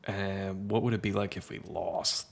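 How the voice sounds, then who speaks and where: Questioning man with a low voice. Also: fairly even intonation, measured pace, gravelly. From Philadelphia. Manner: asks questions, drives the talk. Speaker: podcast co-host. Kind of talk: casual chat.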